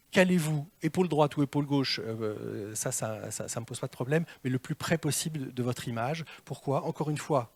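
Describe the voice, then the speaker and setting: Male workshop trainer with a handheld mic, lively and theatrical, slightly high voice, dry sound. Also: no room sound. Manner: lively, theatrical, asks the audience questions. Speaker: communication trainer. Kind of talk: live workshop talk to an audience. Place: meeting room with an audience.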